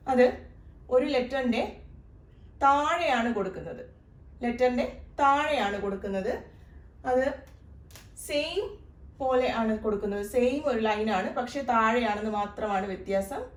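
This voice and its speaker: Distant, echoey woman tutor. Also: a little high. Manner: patient, repeats key sounds slowly. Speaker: Arabic tutor. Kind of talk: teaching lesson.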